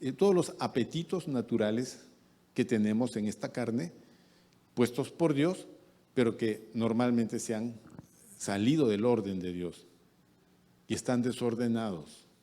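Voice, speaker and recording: A man's voice: measured pace, long pauses. A middle-aged man, a pastor delivering a sermon who acts out the voices he quotes. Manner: lively, acts out quoted voices with big pitch jumps.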